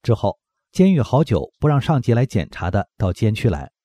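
A man with a low voice reads a scripted news report in a steady, measured delivery. His pitch moves a lot from phrase to phrase, and the recording sounds dry and close. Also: dry recording. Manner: steady read-aloud delivery. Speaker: news reader.

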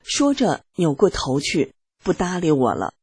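A woman reads a first-person testimony aloud for radio in a steady, earnest manner. Her voice is low and husky with lively rises and falls. The studio sound is dry and close. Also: measured pace, dry recording. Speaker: radio reader.

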